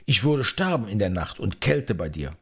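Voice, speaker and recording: A man voicing a gentle, loving sun queen in a fairy-tale audiobook, in a raised, soft voice. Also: lowish voice, big pitch swings, moderate pace, husky, heavily acted. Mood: tender, longing.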